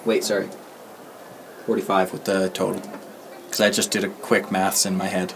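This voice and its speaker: A man's voice: deep voice, completely flat delivery, moderate pace, vocal fry. A man narrating a tabletop game as its game master, giving easygoing rulings. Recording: noisy recording.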